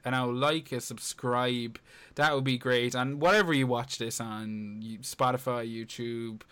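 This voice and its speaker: A man's voice: medium pitch, steady tone, measured pace, a bit bright, smooth. A man with an Irish accent hosting a podcast in casual, freely sweary banter. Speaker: podcast host.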